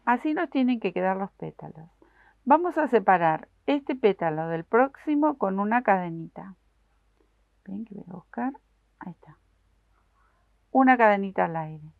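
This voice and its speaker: A woman walks viewers through a crochet pattern stitch by stitch, patient and full of little diminutives. Her voice has a gravelly fry to it. The sound is dry and thin, like it came through a phone. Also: medium pitch, animated, moderate pace, long pauses, dry recording, phone-quality sound. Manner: patient, explains each stitch while working; uses many diminutives, addresses viewers directly. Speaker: crochet instructor. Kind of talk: step-by-step craft tutorial.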